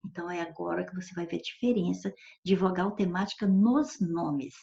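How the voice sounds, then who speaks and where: A woman's voice: on the low side, fairly quick, vocal fry, mellow. A woman teacher, explaining grammar in a patient classroom lecture and often checking that students follow. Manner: patient, checks understanding with frequent questions. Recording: dull lo-fi recording.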